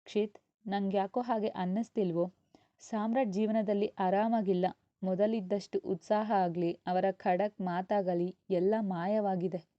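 Woman doing a scolding young mom in a storybook, raised high and loud, dull dry recording. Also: fairly even intonation, measured pace, no echo, close to an everyday voice. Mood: sad. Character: young mother, sharp-tongued and quick to scold.

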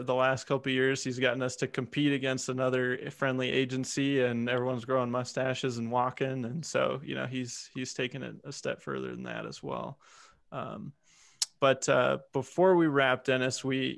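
A man hosting a podcast, easygoing and affirming as he reads out rapid-fire questions to his guest. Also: medium pitch, creaky, fairly bright tone, no room sound. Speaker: podcast host. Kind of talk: casual podcast interview.

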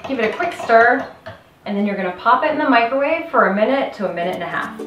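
A health coach in her thirties runs an upbeat, step-by-step cooking demo in her home kitchen, talking straight to the viewer in an instructional way. Her voice is on the high side, fast and lively in intonation, with music underneath. A distant camera mic picks her up in the roomy kitchen.

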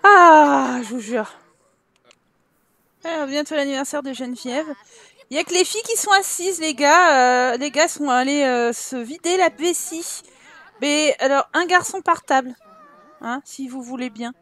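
A woman's voice: sits high, measured pace, a bit bright. A woman with a French accent giving casual let's-play commentary, teasing and scolding the characters in her game in an exasperated way. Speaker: gameplay commentator.

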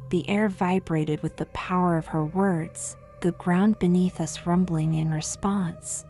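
A woman giving scripted horror narration, slow and grave. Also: lowish voice, steady tone, mellow, soft background music.

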